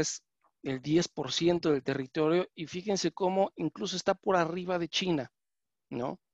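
A man's voice: on the high side, dry recording. A man giving an online conference lecture, explaining patiently and correcting himself often with fillers. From Mexico. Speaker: lecturer on venomous animals. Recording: dry, dull lo-fi call audio.

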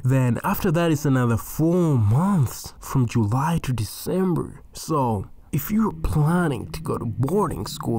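A teenage man from Tanzania narrating a comedic animated story in a joking, slangy way. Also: mid-range voice, gravelly. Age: teens.

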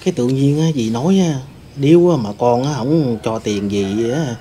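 A man's voice: mid-range voice, moderate pace, dark tone, slight background noise, natural voice. A man playing a sorrowful wronged ghost. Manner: rambling storytelling, many fillers. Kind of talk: staged ghost-hunting role-play.

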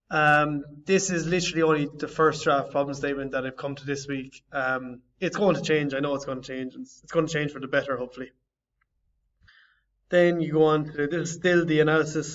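A young man presents his design project, often pausing and restarting as he searches for words. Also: a little high. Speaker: design student. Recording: slightly distant, dull lo-fi audio.

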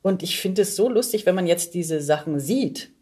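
Her lowish, dark-toned voice has a breathy edge and lively intonation, at normal speed. She is a middle-aged performer from Berlin, Germany, guesting on a podcast and chatting casually through stories in looping sentences she doesn't finish.

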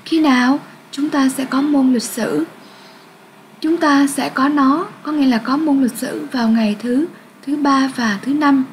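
Vietnamese lady teacher, high voice, slow, clear words for kids to repeat, a bit of hiss. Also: steady tone, rough recording. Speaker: English teacher. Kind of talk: grade-six English lesson for children.

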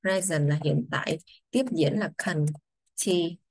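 A woman English teacher, patiently explaining grammar to children, saying English phrases slowly before translating them. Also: sits low, darkish tone, dry recording.

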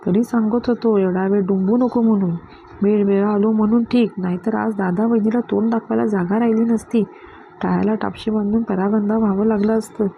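A woman voicing a stern, worried village uncle who scolds gravely. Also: medium pitch, fairly even intonation, brisk, close to an everyday voice. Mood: scolding. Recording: dull lo-fi with faint hiss.

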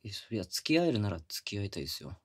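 Rapid-fire and very animated, a man with a fairly low, darkish voice and a breathy edge voices an eager, puppyish junior coworker who flirts pushily with the listener. The romantic audio drama is recorded on a close binaural studio mic, and his mood stays low and seductive as he teases and coaxes his senior casually.

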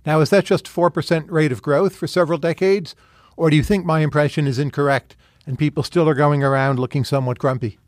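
A man's voice: a little high, steady tone, fast talker, dry recording, clean studio sound. A man hosting an interview podcast, laying out his observations and then asking curious, probing questions. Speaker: podcast host.

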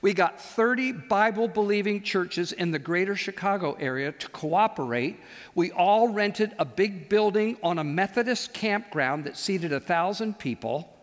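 A high-voiced older man preaches a chapel sermon from a big auditorium stage, speaking into a headset mic. He is animated and leans on slow, emphatic pauses. His voice rings out with a long hall reverb.

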